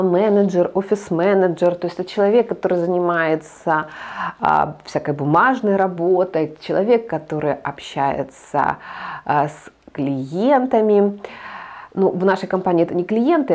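A woman in her thirties vlogs casually to camera in an indoor studio with a green backdrop, hesitating often with fillers and restarts. Her voice is low-ish and a little mellow, recorded on a lapel mic.

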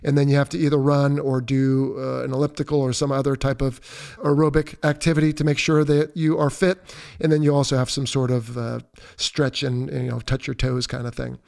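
A man of fifty hosting a podcast, answering listener mail in a relaxed, joking way. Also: medium pitch, fairly quick, creaky. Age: 50s. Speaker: podcast host. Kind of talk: reading listener questions and answering.

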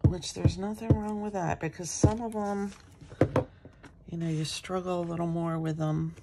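Low gravelly woman chatting while crafting. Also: steady tone, moderate pace, very noisy. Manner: chatty, rambling, talks while working. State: morning voice. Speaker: craft channel host. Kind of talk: casual crafting chat. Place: home craft room.

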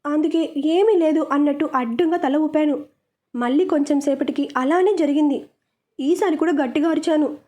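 Give me a woman narrating a love story in the first person, expressive, with a high, mellow voice. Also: normal speed.

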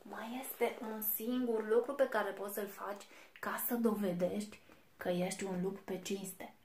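Big bad male wolf, loud and menacing, put on by a woman reading a storybook; echoey room, faint hiss. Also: fairly even intonation, natural voice. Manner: loud, booming threats.

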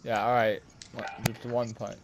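A man's voice: medium pitch, little pitch movement, moderate pace, creaky, background noise. Chill guy stuttering thru game roleplay, mid voice. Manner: stammering, laid-back. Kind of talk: improvised game roleplay chat.

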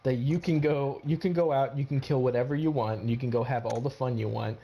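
A man's voice: mid-range voice, fairly even intonation, brisk, lo-fi sound. Brief Man, co-host, mid-range voice, ranting and mocking; noisy voice-chat recording. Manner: exasperated, mocking. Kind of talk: casual ranting banter.

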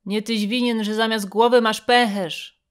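A woman's voice: a little high, steady tone, measured pace, smooth, natural voice. A woman voicing a bitter, cowardly old Greek man who snaps back with biting retorts. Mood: sneering.

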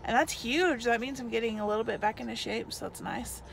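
A woman's voice: fairly high pitch, fairly quick, gravelly, slight background noise. A tired young woman chatting casually in a parked car, self-mocking and laughing, filmed on a phone held at arm's length. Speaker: vlogger. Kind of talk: casual vlog chat.

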